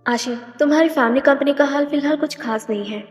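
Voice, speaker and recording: A woman dubbing a calm investigator, echoey. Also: high-pitched, brisk, soft background music, natural voice. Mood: briefing. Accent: Hindustani. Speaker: dub actor. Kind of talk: dubbed drama acting. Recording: echoey with long reverb.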